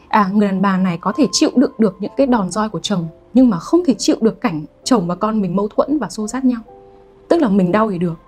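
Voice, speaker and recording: Young woman, online literature teacher, lively, prods the class with questions, mellow tone, light music underneath. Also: mid-range voice, slightly rough. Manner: lively, asks students rhetorical questions.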